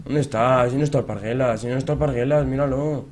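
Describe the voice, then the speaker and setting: A young man with a Spain Spanish accent giving gameplay commentary, excitable and repeating phrases as he swings between muttering and shouting. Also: mid-range voice, fast talker, noisy background. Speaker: gaming youtuber.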